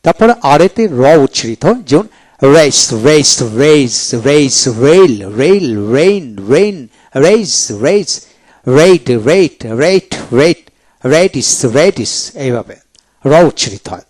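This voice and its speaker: A man teaching English pronunciation in a video lecture, saying each example word twice in a slow, deliberate way. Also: a little high, lively intonation, a little mellow.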